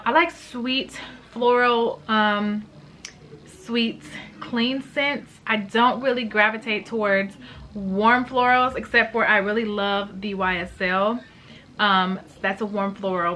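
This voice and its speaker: A woman's voice: mid-range voice, bright, forceful tone, slight background noise. A woman in her late twenties chatting casually and gushing in slangy terms while reviewing perfumes for her vlog. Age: late 20s. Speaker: beauty vlogger.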